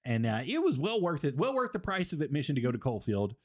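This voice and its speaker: A man's voice: a little high, huge pitch swings, fast talker. A man, hosting a casual wrestling review stream and rambling, repeating phrases for emphasis. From Tennessee, US. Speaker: stream host.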